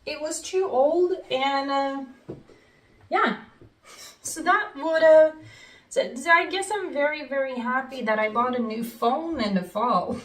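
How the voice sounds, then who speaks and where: A woman from Norway tells a casual story-time tale in a high voice, laughing often between phrases. She talks at an unhurried pace. The recording is roomy, with the mic set some way back from her. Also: a bit bright. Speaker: vlogger. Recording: roomy echo, mic at a distance.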